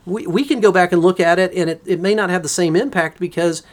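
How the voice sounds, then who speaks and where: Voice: medium pitch, fast talker. A church podcast co-host talking in a reflective, enthusiastic way, often saying "you know". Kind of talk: casual church podcast discussion.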